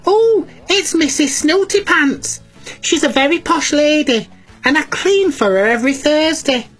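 A woman's voice: sits high, expressive, unhurried, soft background music. A woman playing a chatty, cheeky elderly granny cleaner, talking to children at home. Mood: cheery. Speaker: children's show presenter in character.

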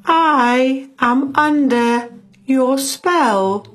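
A woman's voice: high-pitched, soft background music. A woman voicing a snobbish, fussy posh lady in a children's comedy sketch, haughty and melodramatic. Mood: hypnotised. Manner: haughty, dramatic, drawn-out complaints.

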